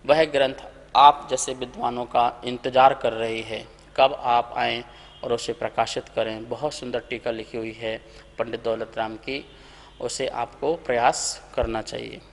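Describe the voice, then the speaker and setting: A man teaching a scripture lesson, slowly reciting verses syllable by syllable for students to repeat. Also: mid-range voice, little pitch movement, vocal fry, in a large hall. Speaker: Jain monk teaching scripture.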